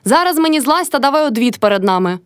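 A woman's voice: high voice, animated, fast, no room sound, studio quality, voice pushed up. A woman voicing a stern, bossy male village head barking orders in a storybook reading.

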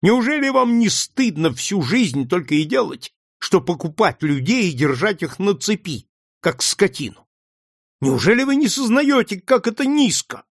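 A man's voice: a little high, moderate pace, no room sound. An impulsive, indignant young boy , voiced by a man reading a novel aloud bursts out in a raised, swooping voice. The delivery is passionate and pleading. The sound is dry and close. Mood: haughty. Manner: excited, pleading outbursts. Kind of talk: audiobook character reading.

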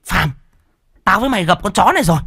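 Male narrator doing a cruel trafficker woman, shrill and screeching, in a dry close recording. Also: animated, fast, fairly bright tone, husky, no room sound. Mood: accusing. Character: vicious fat middle-aged female human trafficker.

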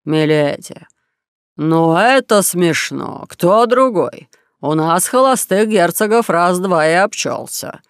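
An audiobook reader voicing a jovial, pushy king who plays matchmaker, talking slowly and loudly in a dry, close recording. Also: mid-range voice, expressive, clean tone, no echo. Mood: dismissive. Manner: coaxing, blustering, loud and slow. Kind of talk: audiobook character voice.

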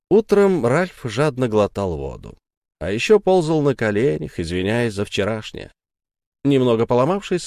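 A man's voice: medium pitch, no room sound. A man narrating a story aloud in an audiobook style. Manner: expressive storytelling. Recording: dry close recording.

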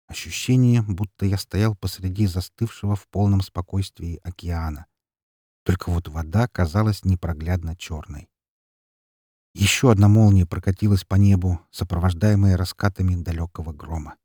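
A man reading an audiobook in an expressive, dramatic narration. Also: low voice, no room sound, studio quality. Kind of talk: scripted narration.

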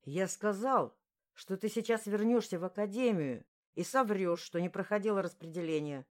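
A woman's voice: medium pitch, normal speed, natural voice. A woman voicing a brutal young male bully who hisses menacing threats, read from an audiobook story.

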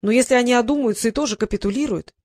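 A woman reading an audiobook, voicing a soft-spoken, gently cunning sultan in a mild, kindly manner. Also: on the high side, racing, no room sound, lightly acted. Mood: scheming calm.

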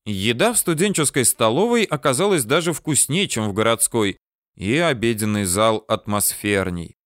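A man's voice: medium pitch, expressive, normal speed, a bit bright, no room sound, studio quality. A man narrating a first-person audiobook in a wry, ironic, matter-of-fact way.

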